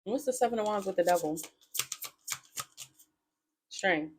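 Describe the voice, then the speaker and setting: A woman's voice: medium pitch, expressive, a little slow, slight background noise. A woman giving a casual tarot reading to her viewers, blunt and profane, often breaking into laughter. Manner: talks straight to her viewers. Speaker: tarot reader.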